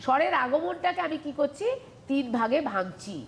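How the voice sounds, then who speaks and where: A woman teacher with a Bengali accent, giving a patient television grammar lesson. Her voice sits a little high and she keeps asking her students whether they follow. Faint room noise lies under the recording. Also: animated, moderate pace. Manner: repeats questions to students, explains patiently.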